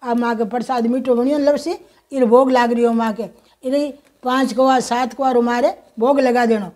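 Woman, Rajasthani accent, high-pitched, folksy, motherly, ritual instruction with slow chanting. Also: fairly even intonation, mellow. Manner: folksy, motherly, addresses viewers as children; slow, sing-song chanting of mantras. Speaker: home ritual teacher. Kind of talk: instructional talk with mantra chanting.

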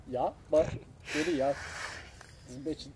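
A man's voice: on the high side, unhurried. A Flemish man speaking informally as a guest in conversation. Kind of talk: casual chat. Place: outdoor bar terrace at night. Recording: noisy terrace with background ambience.

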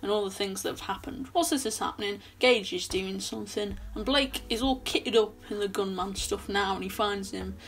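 A woman's voice: mid-range voice, moderate pace, few pauses. Young woman at her desk doing a casual film recap, sarcastic asides, swears a bit, small bedroom. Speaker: film reviewer.

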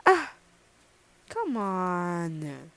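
A woman's voice: fairly low pitch, huge pitch swings, very slow, fairly bright tone, no room sound, full character voice, low-quality recording. A woman voicing a smug, mocking young male rival in a fan audio drama. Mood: teasing. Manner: mocking, drawls "comrade".

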